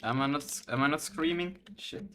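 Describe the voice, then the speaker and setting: A man's voice: a little high, a little fast, pushed and bright. A man with a Swedish accent hosting a casual coding video, thinking aloud with trailing restarts as he works.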